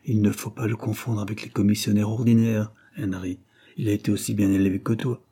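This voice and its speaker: A man voicing a calm, fair-minded middle-aged father who owns a factory, speaking in a measured, gently reproving way. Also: fairly low pitch. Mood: gently firm.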